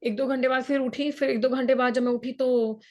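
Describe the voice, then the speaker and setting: A woman from India speaks in a high voice while recounting her climb in an interview. She has a sore throat that leaves an edge on her voice. Her telling is earnest, with English words slipping into her speech. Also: fairly even intonation, brisk, darkish tone. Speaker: mountaineer guest. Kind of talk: interview, personal storytelling.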